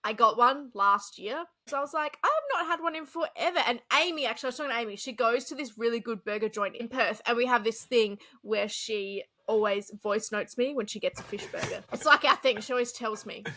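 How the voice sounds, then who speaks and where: Woman, podcast co-host, casual chat, animated, bright voice. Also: on the high side, brisk, hardly any pauses. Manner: chatty, animated, laughs often.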